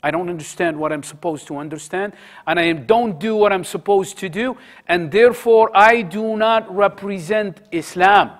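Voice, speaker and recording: High-voiced man teaching a study circle. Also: moderate pace. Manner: conversational, asks the audience questions and repeats phrases; mixes in Arabic words. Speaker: halaqa teacher. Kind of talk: religious study circle talk.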